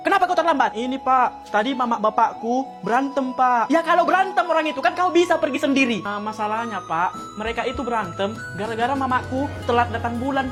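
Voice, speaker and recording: High-voiced woman. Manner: switches quickly between comic characters. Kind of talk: comic sketch acting.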